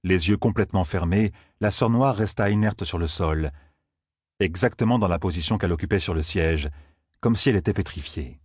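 A man narrating an audiobook in a measured storytelling manner. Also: deep voice, slightly rough, dry recording, clean studio sound. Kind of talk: scripted narration.

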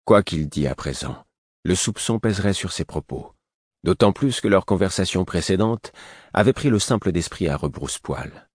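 Deep-voiced male audiobook narrator. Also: animated, moderate pace, no echo, clean studio sound. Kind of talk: scripted first-person narration.

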